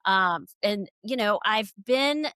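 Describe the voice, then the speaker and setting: A middle-aged woman from Georgia with a Southern accent, a nurse giving a relaxed interview with fillers and trailing sentence ends. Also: medium pitch, slow, clear, resonant tone, dry recording. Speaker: guest, nurse and legal nurse consultant. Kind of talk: casual interview conversation.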